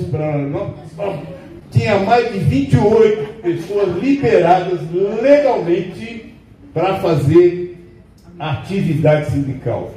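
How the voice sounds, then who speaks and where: A man with a slightly raised but very dark, mellow voice rambles conversationally through his memories. He is heard from a distance in a hall with heavy echo. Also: a little high. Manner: rambling, conversational, many tag questions. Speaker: union founder speaking at a meeting. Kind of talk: reminiscing speech to members. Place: meeting hall. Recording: echoey hall, voice from far off.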